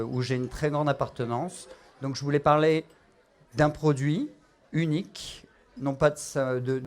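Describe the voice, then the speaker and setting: A middle-aged Frenchman with a Parisian accent talks through a cooking demonstration as a chef. His voice sits a little high, and he often restarts and uses fillers.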